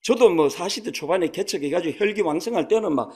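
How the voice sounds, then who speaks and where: A man's voice: high voice, expressive, quick pace, a little mellow, slightly rough. A man in his sixties preaching a sermon as a pastor, in a conversational storytelling manner that acts out quotes. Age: 60s. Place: church sanctuary.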